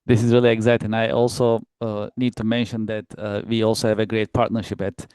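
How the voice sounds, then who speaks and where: A man's voice: fairly low pitch, flat delivery, brisk, darkish tone, clear, resonant tone, no room sound. A man hosting a podcast interview, politely thanking his guest and hesitating with frequent uhs. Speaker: podcast host.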